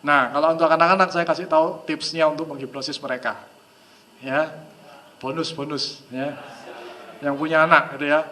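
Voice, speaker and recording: Bright-voiced chatty male seminar trainer. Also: moderate pace, long pauses. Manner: lively, chatty, acts out quoted dialogue; drops to a low, soft voice for demonstrations. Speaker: hypnosis trainer. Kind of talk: live seminar talk.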